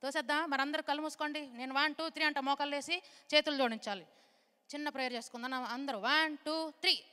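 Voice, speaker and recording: A woman leads a children's Bible class, talking fast and urging the kids on in a lively, coaxing way. Her voice sits a little high. It rings with the long echo of a hall. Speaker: Sunday school teacher.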